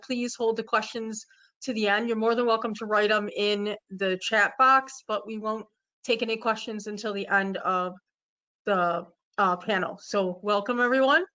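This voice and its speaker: A woman's voice: mid-range voice, fairly even intonation, normal speed, bright, forceful tone, lo-fi sound. A woman in her thirties from the United States, moderating an online panel in a loose, friendly way. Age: 30s. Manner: friendly, loose, "kind of" phrasing. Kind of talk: casual moderating.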